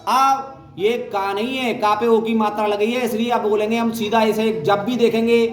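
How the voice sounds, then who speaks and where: A man teaching a Hindi reading lesson as a primary teacher. He repeats each sound, asks questions and answers them himself, and calls out the syllables loudly. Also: sits high, little pitch movement, moderate pace. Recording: echoey room with faint noise.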